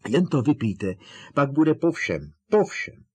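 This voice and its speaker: A man's voice: mid-range voice, sing-song, a little mellow, breathy edge, voice pushed up. Harry, a man doing a frantic teenage wizard. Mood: coaxing. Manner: urgent, begging, raised and strained. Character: desperate teenage boy wizard, frantic and coaxing.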